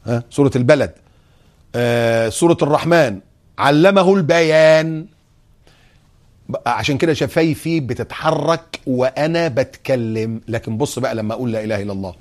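An Egyptian man preaching on a TV religious show, talking quickly and with lots of animation. He acts out little exchanges between characters and drawls certain phrases for emphasis. His voice sits at an ordinary middle pitch. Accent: Egyptian Arabic. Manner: animated, acts out dialogues and chants phrases slowly. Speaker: Islamic preacher. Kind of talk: televised religious lesson.

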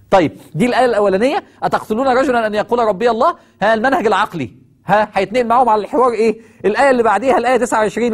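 A man's voice: a little high, husky. A man with an Egyptian accent preaching on Quranic verses, firing rhetorical questions at his listeners.

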